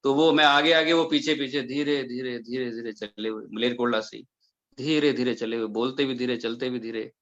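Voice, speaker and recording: A man's voice: mid-range voice, moderate pace, muffled recording. A man, telling a devotional story at a satsang and acting out the dialogue as he goes. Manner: lively retelling full of quoted dialogue. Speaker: devotee sharing an experience.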